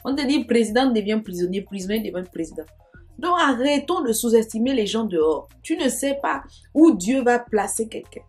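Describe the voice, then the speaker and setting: Young woman doing a storytime vlog, kinda high voice, rambling chatty asides, faint music behind. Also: moderate pace. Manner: lively, chatty, digressive, with sayings and asides. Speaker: storytime vlogger. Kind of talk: casual storytime monologue.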